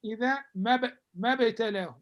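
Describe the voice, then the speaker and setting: A woman's voice: fairly high pitch, normal speed. A woman teaching Quran recitation in an online class, patiently repeating words for her students over a video call.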